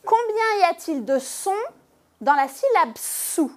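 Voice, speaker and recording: A woman teacher giving a lesson to young pupils in a classroom, speaking slowly and clearly and stressing each syllable. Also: extremely high pitch, sing-song. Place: primary school classroom.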